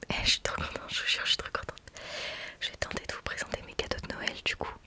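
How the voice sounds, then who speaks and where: A woman whispering casual ASMR chat very close to the mic, right in the listener's ear, in an informal, excitable, self-deprecating way. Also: quick pace. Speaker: ASMR content creator. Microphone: close budget USB microphone with pop filter.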